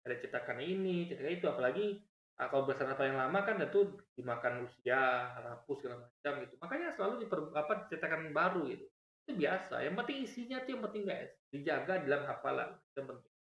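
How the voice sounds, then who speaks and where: A man giving argumentative reaction commentary, explaining points over and over and swinging his pitch up and down as he talks. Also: expressive, quick pace, fairly bright tone, reverberant.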